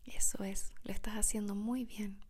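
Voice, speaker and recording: A woman whispers a guided meditation in the soothing manner of a sleep story narrator, speaking softly with long pauses. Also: mid-range voice, steady tone, slightly rough.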